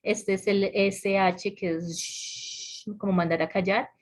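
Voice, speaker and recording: Over a video call, a female English teacher explains grammar at a relaxed, patient, normal speed, often pausing to check in with her students. Her mid-pitched voice comes through a computer mic as she asks the class questions and laughs lightly.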